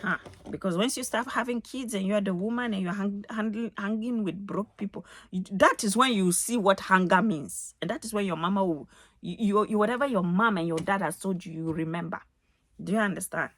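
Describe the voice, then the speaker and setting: A woman's voice: medium pitch, a little fast. A woman, giving life advice in a casual home vlog, preachy and emphatic, repeating phrases for stress. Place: home, getting ready for the day.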